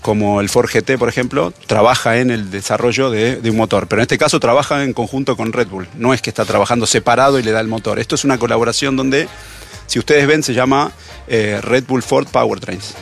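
Argentine man explaining, measured. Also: mid-range voice, creaky, soft background music. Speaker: guest, car company executive. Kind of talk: casual radio interview.

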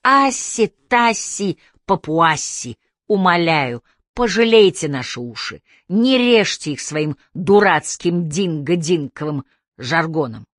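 A woman voicing a fastidious, prissy man who pleads theatrically, in an audiobook. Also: fairly low pitch, animated, dry recording, studio quality. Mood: exasperated pleading.

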